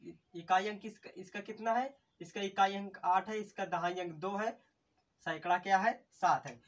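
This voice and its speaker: A man with a high voice, speaking at normal speed and recorded from afar, gives a classroom-style math lesson at a board. He repeatedly addresses viewers as friends, repeats key terms, and answers the questions he poses.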